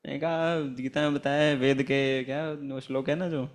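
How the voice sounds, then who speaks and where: A man's voice: medium pitch, little pitch movement, moderate pace. A man teaching a Gita class in a chatty, storytelling manner, laughing often and chanting Sanskrit verses. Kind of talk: informal scripture class with anecdotes.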